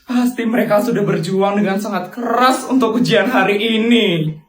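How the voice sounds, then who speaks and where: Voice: medium pitch, normal speed, roomy sound, natural voice. A voice actor playing a doting, wealthy mother who sweetly spoils her daughter and her daughter's friends. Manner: sweet, indulgent, generous. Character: doting rich mother giving children money.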